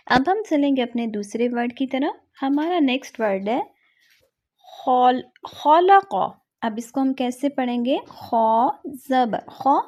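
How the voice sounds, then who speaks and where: A woman with a fairly high voice teaches a beginner Quran reading lesson. She explains patiently in casual Urdu sprinkled with English, then spells out letters one by one and blends them into words. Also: a little mellow. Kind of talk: online lesson.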